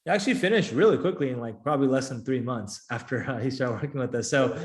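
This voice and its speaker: A man's voice: medium pitch, quick pace, reverberant. A man hosting a casual interview over a video call, chatty and full of fillers. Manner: filler-heavy, loose and chatty. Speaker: interview host, founder of a career coaching program.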